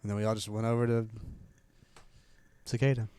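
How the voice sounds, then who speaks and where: A man's voice: fairly low pitch, little pitch movement, normal speed, a little mellow, smooth. A man, co-hosting a casual podcast and telling a rambling story full of repeats and asides. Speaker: podcast co-host. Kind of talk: casual chat.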